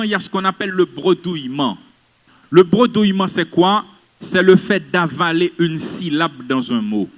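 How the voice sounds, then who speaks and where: A man's voice: high-pitched, a bit bright. A man teaches public speaking to a live class, stressing his points and checking that the audience follows. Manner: emphatic, questions the audience. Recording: long hall reverb.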